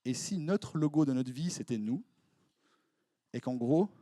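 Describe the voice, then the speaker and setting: A young man with a Swiss French accent, preaching as a youth pastor in a lively, joking way, quizzing his congregation. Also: medium pitch, no echo, clean studio sound. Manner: playful, jokey, quick asides to the crowd. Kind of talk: lively sermon with audience interaction. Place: church hall before a congregation.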